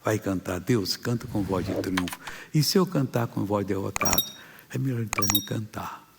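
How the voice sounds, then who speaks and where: A man with a Brazilian Portuguese accent preaching a sermon, emphatic and rising for his exhortations, with a gravelly voice. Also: fairly low pitch, brisk, very noisy. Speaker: pastor. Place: church hall. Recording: long hall reverb.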